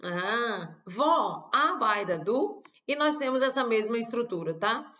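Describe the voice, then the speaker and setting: A woman with a Brazilian Portuguese accent teaches a grammar lesson from slides, talking deliberately, repeating key phrases and adding playful asides. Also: a little high, animated, bright, forceful tone. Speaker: language teacher. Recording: dull lo-fi recording.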